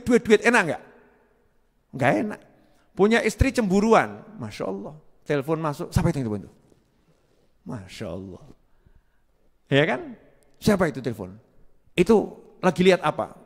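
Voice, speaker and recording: Guy preaching, high voice, keeps asking and answering himself, echoey hall. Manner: repetitive question-and-answer preaching, chanting Arabic phrases. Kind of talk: sermon.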